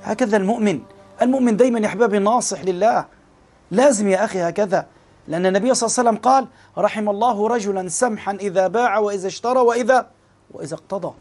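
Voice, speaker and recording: A man with an Egyptian Arabic accent delivering an impassioned sermon, swinging between loud and soft. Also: high voice, very fast. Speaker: preacher.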